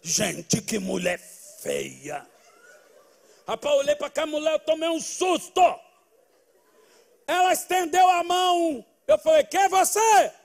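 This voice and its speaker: Very high-voiced pastor. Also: male voice, normal speed, gravelly. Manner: animated storyteller, bursts of loud exclamation. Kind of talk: humorous preaching testimony.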